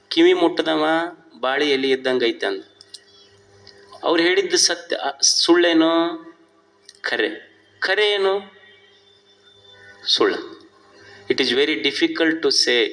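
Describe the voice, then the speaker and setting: A man with a North Karnataka Kannada accent delivering a sermon as a swami, telling stories and slipping English phrases into his talk. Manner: animated, swings from loud high stresses to low quiet asides. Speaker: swami giving a religious discourse. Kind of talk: sermon with storytelling.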